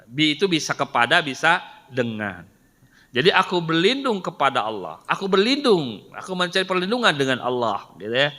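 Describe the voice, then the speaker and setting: A man's voice: a little high, very animated, moderate pace, bright, forceful tone. A middle-aged man, giving a Quran study lesson and patiently explaining with rhetorical questions. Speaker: Quran teacher. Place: mosque hall. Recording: reverberant hall sound.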